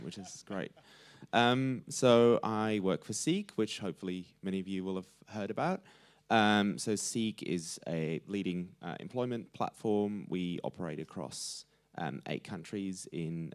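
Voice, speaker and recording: A man from the Netherlands speaks on a conference stage panel. His voice sits very low. He talks in a relaxed, wry way with plenty of ums and uhs. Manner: relaxed, wry, many fillers.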